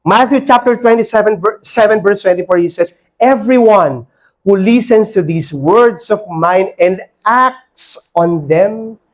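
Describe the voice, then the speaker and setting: A man's voice: high voice, slow. Filipino man preaching a sermon. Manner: switches between Tagalog and English, asks for amens. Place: church hall with a congregation.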